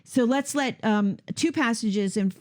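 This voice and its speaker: A woman hosting a Bible study leads the discussion conversationally, explaining as she goes and pausing to rephrase her points. Her voice has an average pitch and a darkish tone.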